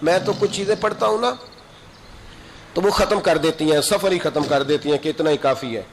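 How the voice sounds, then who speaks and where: A man's voice: normal speed, slight background noise. A man delivering a storytelling sermon, acting out the dialogue of the people in his stories with sudden rises in his voice. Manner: dramatic, acts out quoted dialogue with sudden high rises. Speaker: preacher.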